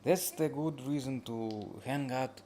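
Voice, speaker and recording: A tired man chatting casually as he reacts to a video, in halting, drifting phrases. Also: medium pitch, mellow, a little hiss or hum. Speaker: streamer reacting to a video review. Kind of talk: casual late-night reaction chat.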